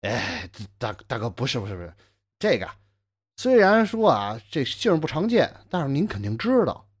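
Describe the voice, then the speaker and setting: Give me a man doing a hushed, meek young scholar who stammers out every plea. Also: wildly swooping pitch, normal speed, breathy edge. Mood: meek pleading. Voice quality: low and hushed compared with the narrator. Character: timid, fawning young male scholar who calls himself Yao.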